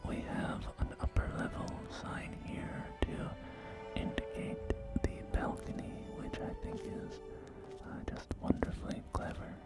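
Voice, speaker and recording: This ASMR roleplay features a gently whispered, breathy voice acting as a refined, polite real estate agent. The speaker takes their time and hesitates now and then, over quiet background music.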